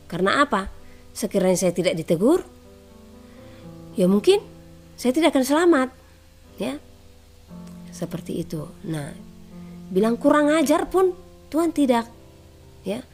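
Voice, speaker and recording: A woman's voice: high-pitched, unhurried, pauses often. Woman preacher giving testimony over music. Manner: animated storytelling, frequent "ya" tags. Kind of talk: sermon with personal testimony.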